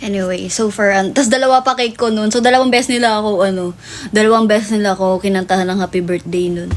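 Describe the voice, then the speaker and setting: A young woman hosts a livestream, rambling through a long story in casual Taglish, switching between Tagalog and English with plenty of fillers. Her mid-range voice moves fast with fairly even intonation, and there's slight background noise.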